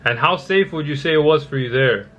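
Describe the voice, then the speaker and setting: A man's voice: on the high side, expressive, fairly quick, a bit bright. Earnest man with a dull lo-fi mic. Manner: earnest, pressing questions. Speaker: YouTuber chatting with strangers on video chat. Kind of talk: casual vlog intro and debate.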